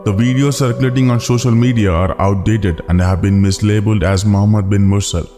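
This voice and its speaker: A man giving scripted documentary narration as a channel narrator, in a solemn, measured and earnest way. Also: lowish voice, fairly even intonation. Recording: long reverb with background music.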